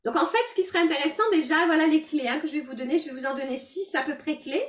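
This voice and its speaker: A woman's voice: high voice, fast. A woman coaching from a roomy distance. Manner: explanatory, gentle, with frequent filler words. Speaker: life coach and yoga teacher. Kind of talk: teaching an online workshop. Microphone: video call. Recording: roomy sound from away from the mic.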